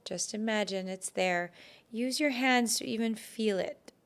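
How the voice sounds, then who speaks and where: A woman hosting a solo podcast, leading listeners through a guided visualization in a gentle, instructive way, repeating phrases with growing emphasis. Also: on the high side, a little slow. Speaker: podcast host.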